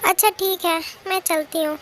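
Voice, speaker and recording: A woman voicing a nervous young woman friend who frets and hushes others in a fan-made drama dub. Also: extremely high pitch, steady tone, normal speed, a little hiss or hum. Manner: fretful, hushing.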